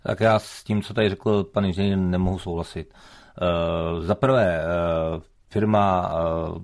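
Casting: very deep, monotone man, formal debate guest, hesitant. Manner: formal, hesitant, even delivery. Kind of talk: studio debate.

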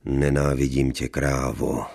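A man's voice: extremely low pitch, little pitch movement, gravelly, darkish tone, full character voice. A man voicing a jealous, spiteful young woman with a biting, sarcastic way of talking.

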